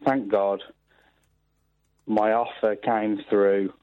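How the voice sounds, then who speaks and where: Man, over the phone, hesitant, low voice, unhurried. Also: little pitch movement, dry recording. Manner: hesitant, full of ums and restarts. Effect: heard over the phone. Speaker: caller to a phone-in show. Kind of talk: casual chat. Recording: dull phone-line sound.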